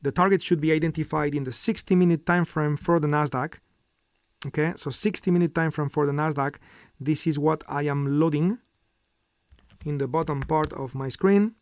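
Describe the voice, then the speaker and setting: Hosting a live trading lesson, he explains things one step at a time, leaning on fillers and frequent "okay?" check-ins while commenting on the market. The middle-aged man's voice is a little high, fairly even in intonation and at normal speed, with no room sound.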